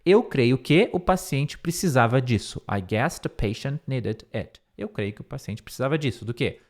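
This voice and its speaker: A man from Brazil teaching an English lesson, repeating words slowly and carefully and speaking directly to his students to reassure them. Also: medium pitch, lively intonation. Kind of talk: online English lesson, explaining phrases.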